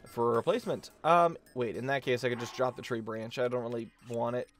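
A man's voice: mid-range voice, fairly even intonation, fairly quick, faint music behind. A man hosting a let's play, commenting casually and thinking aloud, questioning himself with many restarts.

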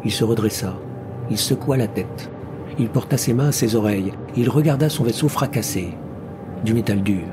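A man narrating a science fiction story as an audiobook reader, with a measured, dramatic delivery. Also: lowish voice, over music. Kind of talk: scripted narration.

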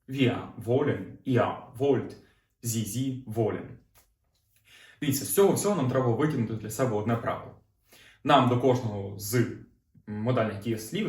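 A man teaching a German grammar lesson, explaining patiently step by step and putting questions to the learners. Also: medium pitch. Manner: explanatory, repeats "знову ж таки", asks learners questions. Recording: roomy echo.

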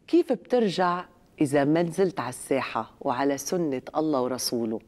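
A woman's voice: extremely low pitch, animated, fairly quick, darkish tone. A middle-aged Lebanese woman hosting a satirical TV show, delivering a sarcastic, escalating comedy rant full of mock outrage. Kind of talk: scripted satirical comedy monologue. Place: TV studio.

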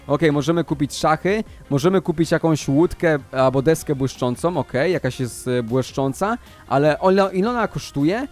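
A young man giving excited, running commentary on a video game, narrating every move and shouting at wins and losses. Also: on the high side, moderate pace, soft background music.

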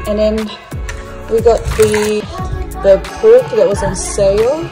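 A woman in her thirties from New Zealand talks through her weekly groceries in a loose, chatty way. She stops often for ums and small restarts. The sound is a phone held at arm's length, with clear music playing underneath. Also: mid-range voice, fairly even intonation, takes it slowly. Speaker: family vlogger. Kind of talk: casual grocery haul narration.

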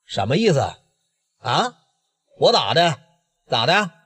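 A menacing Northeastern Mandarin gangster, as a male storyteller puts him on. He talks blunt and low through a husky throat, shifting his pitch around as he spells out his demands. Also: very animated, takes it slowly, a bit bright, exaggerated voice. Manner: blunt, threatening, extorting.

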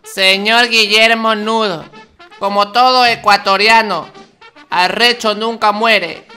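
A man voicing a cheeky official who presides over a swearing-in in a mock-formal tone, full of slang and curses. The voice is bright, with faint music in the background. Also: high-pitched, heavily acted. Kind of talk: comedy parody dub.

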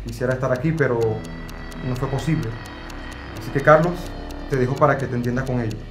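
A man's voice: medium pitch, fairly quick, over music, close to an everyday voice. A young man acting a regretful store owner in a scripted web drama, speaking earnestly in a clothing store. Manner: apologetic, earnest speech.

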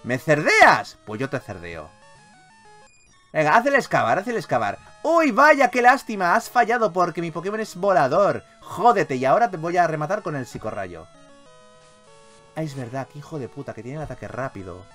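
Hosting a gameplay video at a moderate pace, this man from Spain sounds fairly high-pitched and highly energetic, cursing theatrically and repeating phrases. Faint game music sits in the background.

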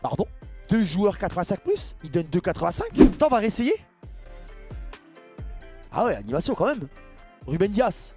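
A man with a French accent commenting on a video game pack opening, excitable and shouting at big pulls. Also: sits high, normal speed, pauses often, soft background music. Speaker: gaming streamer.

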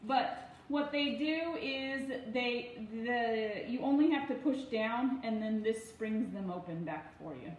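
Speaking slowly with few pauses, a woman in her thirties with a slightly high voice demonstrates cooking in her home kitchen. As a parent, she addresses both the camera and her child in a casual, patient but firm, step-by-step way. The sound is lo-fi, from a phone propped on the counter about arm's length off, in a very echoey room with faint noise.

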